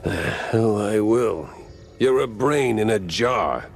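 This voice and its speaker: A man's voice: on the low side, lively intonation, slow, exaggerated voice. A man voicing a wisecracking hard-boiled mouse detective, wry and incredulous, in a noir video game. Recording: loud music behind the voice.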